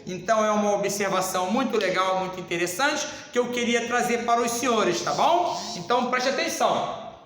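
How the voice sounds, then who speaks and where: A man's voice: high voice, animated, brisk, fairly bright tone, faint music behind. A man teaching a grammar lesson to a class, speaking emphatically and addressing the students formally. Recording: echoey hall with long reverb.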